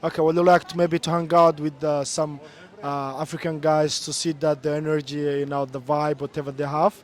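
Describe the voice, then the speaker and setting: A young Somali man with a Somali accent hosts a casual street-interview vlog outdoors in a city centre. He's chatty and quick, switching between two languages, with a fairly high, level voice.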